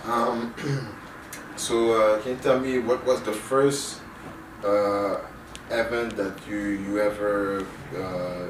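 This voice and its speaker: A man hosting a radio interview, asking questions haltingly with many fillers and short casual replies. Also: fairly low pitch, steady tone. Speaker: radio show host. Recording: roomy, distant from mic, faint noise.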